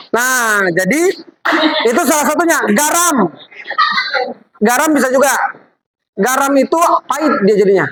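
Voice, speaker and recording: A woman's voice: high voice, rough recording. A woman giving a live product demonstration to a group, chatty and coaxing as she directs volunteers. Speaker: MLM product presenter. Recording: audience crowd noise behind.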